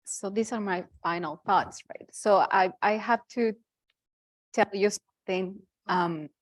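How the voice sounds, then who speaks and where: Woman on a panel, chatty. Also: medium pitch. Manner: conversational, with fillers. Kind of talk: conference panel remarks.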